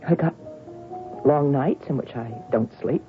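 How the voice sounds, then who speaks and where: In an old radio drama, an actress with a rumbling low, slightly slow voice plays a worn-out female tennis champion sunk in weary despair. She sounds sardonic and bitter, swinging dramatically into anguish. The broadcast is tinny and phone-like, with music in the background.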